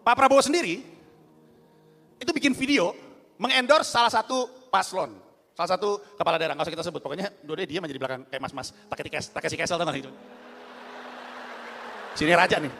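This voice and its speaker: Male stand-up comic, high gravelly voice, animated, voices his characters, reverberant hall. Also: quick pace, long pauses. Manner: animated, acts out other people's voices. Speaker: stand-up comedian. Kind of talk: stand-up comedy routine. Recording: long hall reverb, faint ambience.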